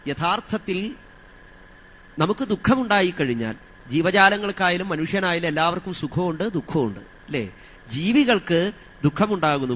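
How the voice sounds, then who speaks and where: A man with a Malayalam accent giving a religious discourse on scripture, chanting verses slowly and asking his listeners rhetorical questions. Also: high-pitched, a bit bright. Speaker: scripture teacher.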